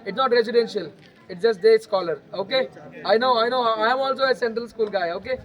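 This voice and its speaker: A distant camera with no microphone records a young man shouting commands to a large group of students as he teaches self-defense outdoors at a school. He has an Indian English accent, slips into Telugu, and speaks a little fast in a very high voice, with dull lo-fi sound and crowd noise.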